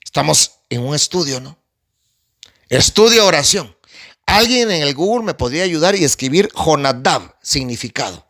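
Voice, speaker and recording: A man's voice: fairly high pitch, normal speed, dry recording, studio quality. A male pastor, preaching an emphatic, conversational teaching that addresses listeners as sister and brother. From Guatemala. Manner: conversational and animated, asks the audience for help. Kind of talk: sermon teaching.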